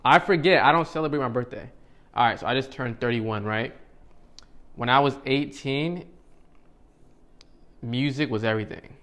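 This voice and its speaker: A man's voice: medium pitch, normal speed, pauses often, a bit bright. A man of thirty-one giving a casual, rambling motivational talk to camera as a vlogger, with many fillers and restarts. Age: 30s.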